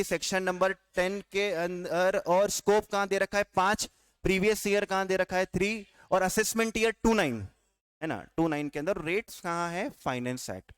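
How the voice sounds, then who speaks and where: In a classroom tax law lecture, a man with an Indian English accent quizzes his students and then answers his own questions. His voice is high-pitched, clear, and resonant. The recording is dry and studio quality.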